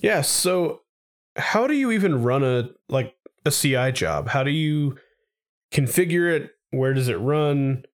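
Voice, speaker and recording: A man's voice: on the high side, expressive, measured pace. A man co-hosting a casual tech podcast, sounding a little congested, informal and often asking questions. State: slightly congested from a cold-like illness. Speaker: podcast co-host.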